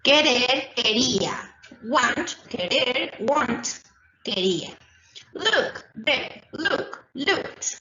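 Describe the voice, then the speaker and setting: Slow-explaining woman teacher, echoey lo-fi. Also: high voice, expressive, pushed and bright, slight background noise. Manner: slow, repetitive explaining with check-in questions. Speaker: English teacher. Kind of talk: recorded distance-school lesson. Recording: echoey, dull lo-fi room recording.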